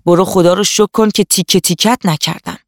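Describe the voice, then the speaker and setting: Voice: mid-range voice, steady tone, no echo, studio quality, natural voice. A storyteller voicing a strong, stern male tiger who scolds a freeloader in a children's radio story. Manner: firm, scolding, growling remarks.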